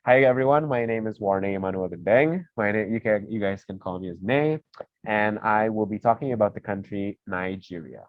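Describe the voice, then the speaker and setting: A man's voice: lowish voice, normal speed, no room sound. A young man moderating a casual student video discussion, friendly and rambling. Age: young adult. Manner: friendly, rambling, self-correcting. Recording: dull dry lo-fi call audio.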